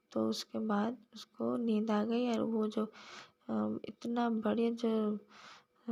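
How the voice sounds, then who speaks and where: A woman's voice: fairly high pitch, creaky, dark tone, slight background noise. A middle-aged woman earnestly giving a grateful devotional testimony, often restarting her sentences.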